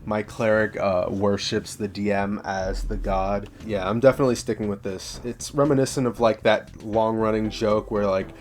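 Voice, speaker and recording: A man's voice: fairly low pitch, fairly even intonation, normal speed, hardly any pauses. A man casually reviewing homebrew tabletop rules, thinking aloud and repeating himself as he goes. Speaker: tabletop game content creator.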